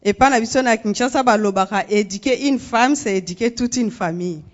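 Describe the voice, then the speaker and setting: A woman from Congo, a guest speaking in measured phrases and pausing for an interpreter in a church. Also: fairly high pitch, highs cut off. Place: church sanctuary.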